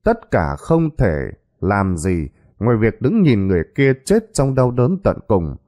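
A man's voice: lowish voice, sing-song, unhurried, dark tone. A man telling a horror story in a dramatic way that builds suspense.

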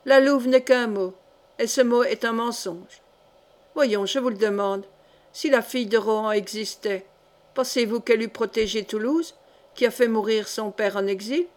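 A woman's voice: fairly high pitch, moderate pace, close to an everyday voice. A woman reading aloud and voicing a young male clog-maker who accuses a rival before a crowd in solemn, rising oratory. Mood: accusing.

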